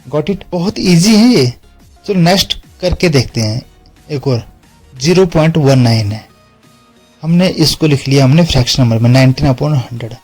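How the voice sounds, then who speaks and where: A man's voice: fairly high pitch, normal speed, a little mellow, husky, soft background music. A man teaching a math lesson, explaining each step and checking in with his students again and again. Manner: repeats check-in tags to students.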